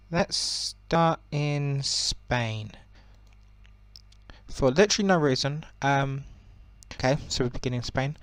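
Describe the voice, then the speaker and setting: A young gaming channel host with a croaky, medium-pitched voice rambles through relaxed commentary on a strategy game. He says "um" a lot and often corrects himself, and the recording has no echo.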